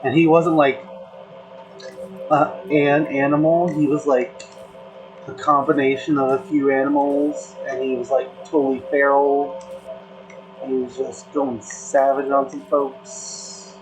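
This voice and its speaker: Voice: medium pitch, little pitch movement, faint music behind, low-quality recording. A content creator chatting casually, rambling with many fillers and restarts. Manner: rambling, filler-heavy, slow. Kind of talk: casual chat.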